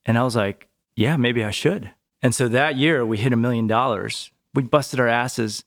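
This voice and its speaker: At a normal speed and with a mid-pitched voice, a man chats easily as a podcast guest. He owns a business, and in this laid-back conversational interview he habitually tags his remarks with "right?"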